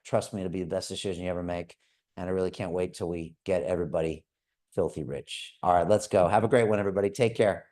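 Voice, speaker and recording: A man's voice: sits low, steady tone, fast talker, a little mellow. Earnest man giving a pep talk. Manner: earnest, repeats "right?" to listeners. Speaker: show host. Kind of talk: motivational livestream talk to viewers.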